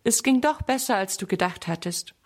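A woman's voice: medium pitch, lively intonation, normal speed, slightly rough. A woman voicing a kind but firm mother in a children's story.

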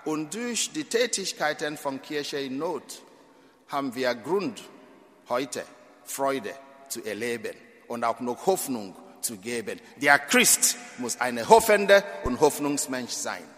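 A man's voice: mid-range voice, big pitch swings, takes it slowly, a bit bright. A man from Nigeria, preaching a sermon as a priest at mass, emphatic, with dramatic swells and drops in volume. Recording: long church reverb.

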